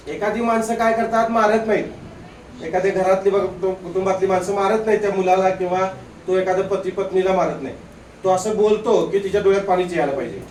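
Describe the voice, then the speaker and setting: High-voiced man teaching grammar in class. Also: darkish tone, roomy sound, recorded from a distance, slight background noise, poor audio. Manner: repeats questions to the class, coaxing and explaining. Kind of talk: classroom lecture.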